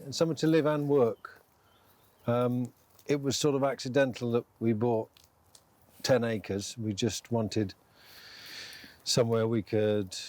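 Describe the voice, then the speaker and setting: Relaxed, rambling male smallholder. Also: mid-range voice. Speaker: small-scale farmer. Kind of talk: casual interview.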